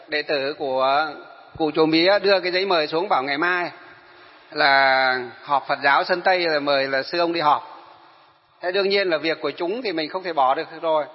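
A man, a Buddhist monk telling a story in a sermon and asking his listeners questions. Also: on the high side. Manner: animated, addresses listeners with questions. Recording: dull reverberant hall.

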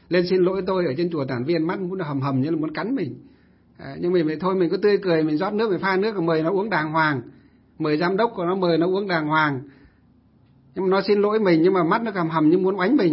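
A man with a husky, breathy voice pitched a touch high tells a temple story in a relaxed, conversational way. He is a Buddhist monk, and he slips into the voices of the people he quotes. The recording sounds dull and lo-fi. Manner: lively anecdotal storytelling, quoting others. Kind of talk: casual storytelling talk.

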